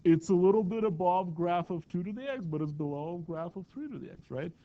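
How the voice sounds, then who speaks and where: A math teacher lectures in a classroom, his voice sitting a little high for a man. He keeps it chatty, tossing questions out to the class. The recording is dull and lo-fi. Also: animated, a little fast.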